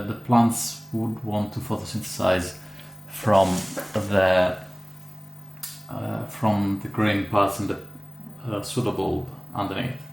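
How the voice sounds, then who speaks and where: A man with an Italian accent talks through an orchid unboxing in a hesitant, chatty way, full of fillers and restarts. His voice sits low and gravelly. The room is echoey, with faint ambient noise behind him. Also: a little mellow. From Italy. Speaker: orchid grower. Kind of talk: casual unboxing vlog.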